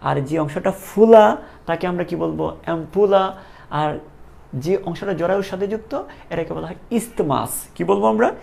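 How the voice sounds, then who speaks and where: A man's voice: high voice, brisk, vocal fry, a little mellow. A male teacher giving a classroom lecture, asking questions and repeating each answer to drill the terms.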